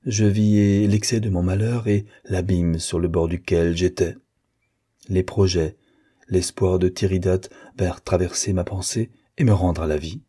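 A man reading a classic novel aloud as an audiobook, in a measured and expressive way. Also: deep voice, breathy edge. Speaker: audiobook reader. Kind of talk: scripted narration of a classic novel.

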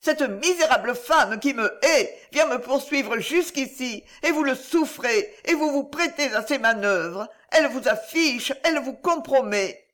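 A man's voice: extremely high pitch, expressive, a little slow, few pauses, pushed and bright, voice pushed up, heavily acted. A man voicing a proud young wife who pleads with her husband in an impassioned, tearful way. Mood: anguished.

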